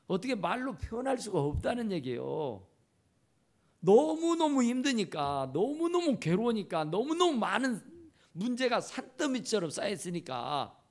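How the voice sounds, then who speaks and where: A male pastor delivers an impassioned sermon in a church, hammering home repeated phrases. His voice is gravelly and fairly high for a man, and it swings widely between loud exclamations and hushed asides. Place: church sanctuary. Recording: church camera recording.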